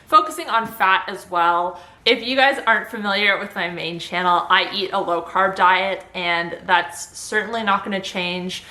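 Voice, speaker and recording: A woman's voice: medium pitch, normal speed, hardly any pauses, bright, forceful tone. A woman vlogger chatting casually to camera in an informal, upbeat way. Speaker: vlogger sharing surgery recovery tips. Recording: roomy indoor echo.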